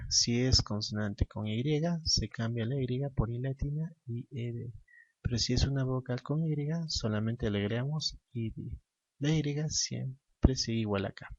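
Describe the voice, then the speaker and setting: A man's voice: mid-range voice, husky, dry recording. A man teaching an English grammar lesson, explaining each rule step by step, asking questions and answering them himself. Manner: repeats and stresses each rule. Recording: dull lo-fi dry recording.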